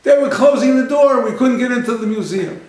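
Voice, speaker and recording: Male rabbi lecturer, higher pitch, anecdotal storyteller, very roomy hall sound. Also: fast, darkish tone. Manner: anecdotal, repeats phrases, acts out dialogue. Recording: very echoey lecture room.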